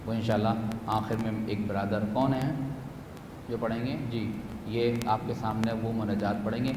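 A man preaching to a gathering, animated, acting out little scenes and asking the audience questions, rising loud and dropping soft. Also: on the low side. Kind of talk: religious talk to young people at a retreat. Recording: echoey hall with faint room noise.

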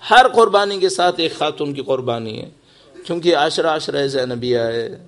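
A man's voice: fairly high pitch, expressive, a bit bright. A man preaching a mourning sermon, impassioned and building to lamenting cries.

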